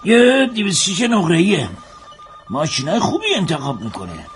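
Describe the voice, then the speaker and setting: A man's voice: high voice, big pitch swings, over music. A man voicing an impatient, sardonic police commander who gives curt orders. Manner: curt, exasperated. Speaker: senior police officer.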